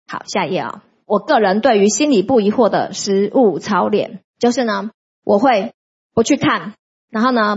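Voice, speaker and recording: A woman's voice: medium pitch, husky, highs cut off. A woman preacher giving a sermon with personal testimony, speaking emphatically and acting out commands against sickness.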